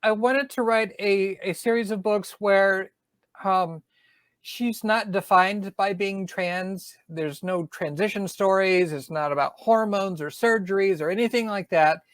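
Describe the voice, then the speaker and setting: A middle-aged author from Georgia with a faint Southern accent chats thoughtfully as a guest in a casual interview, using many fillers and restarts. She has a mid-range voice and a measured pace. The recording has no echo.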